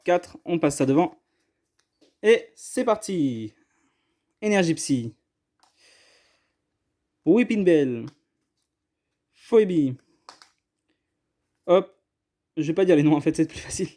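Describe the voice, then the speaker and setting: A man's voice: sits high, warm tone. A man chatting casually as he opens trading card boxes on camera. He hesitates often and keeps apologizing. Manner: apologetic, hesitant, self-deprecating. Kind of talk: casual unboxing chat.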